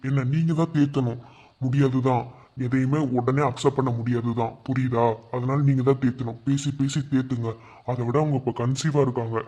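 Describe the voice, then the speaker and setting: A man's voice: medium pitch, mellow, natural voice. Man as firm young friend, mid voice, reassuring, lecturing. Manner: reassuring, lecturing, asks 'understand?'. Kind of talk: fan-made cartoon voice acting.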